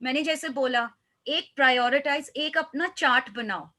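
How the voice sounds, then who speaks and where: Bright high-voiced woman coach. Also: normal speed. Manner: earnest, mixes English phrases into speech. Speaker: life coach guest. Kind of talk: motivational interview talk.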